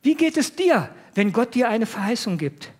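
A man's voice: extremely high pitch, very animated, normal speed, darkish tone. A man preaching a conversational sermon, talking to the listeners in colloquial words and asking them many rhetorical questions.

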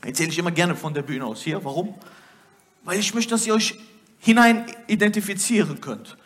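A man preaching a sermon from a church stage, swinging between loud urging and quiet, intimate asides. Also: high voice, brisk. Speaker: pastor.

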